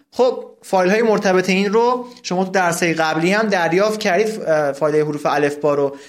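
A man teaching English from a textbook in a recorded lesson, explaining step by step and saying English words slowly. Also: high-pitched.

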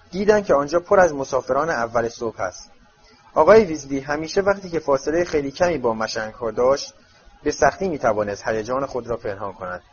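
Lively male audiobook narrator. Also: mid-range voice. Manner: expressive storytelling. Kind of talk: audiobook reading. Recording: slightly muffled audiobook with faint music.

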